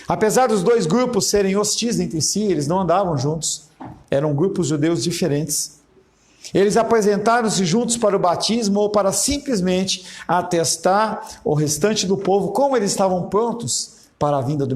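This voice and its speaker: A middle-aged male pastor from Brazil delivers a sermon in a talky, storytelling way. His voice sits a bit higher than most men's. He acts out quoted dialogue and keeps checking in with his listeners. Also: expressive, moderate pace, darkish tone. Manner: conversational preaching, acts out quoted dialogue, frequent "entendeu?".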